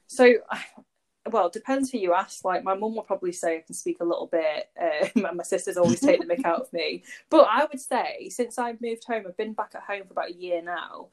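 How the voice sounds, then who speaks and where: This woman, an agency founder from Warrington, England, is a podcast guest speaking in a rambling, casual manner full of fillers. Her pitch is fairly low and her pace a little fast.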